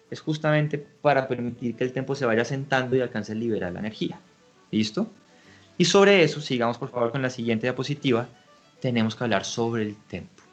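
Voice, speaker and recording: A man's voice: mid-range voice, dull audio. A man, an orchestra conductor, giving a lecture on music in an explanatory way, often asking his listeners rhetorical questions. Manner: acts out shouted and slowed example lines.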